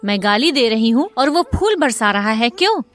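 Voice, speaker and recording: A fiery village wife with a sharp tongue, voiced by a woman narrator. She shrieks high and loud in a scolding, insulting storybook voice, with faint music behind her. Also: big pitch swings, normal speed. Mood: furious. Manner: shrill, scolding, hurling insults.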